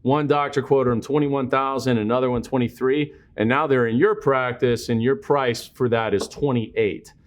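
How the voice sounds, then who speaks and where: A man's voice: medium pitch, fairly even intonation, normal speed, hardly any pauses. A man interviewing a guest conversationally, laying out scenarios in an explanatory way and checking in as he goes. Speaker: interviewer, dental sales trainer.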